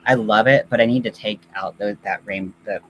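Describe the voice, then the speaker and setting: A man hosting a livestream, chatting casually in a halting, rambling way. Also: on the low side, fairly even intonation, a crowd in the background. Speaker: livestream host. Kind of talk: casual chat. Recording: clearly noisy background.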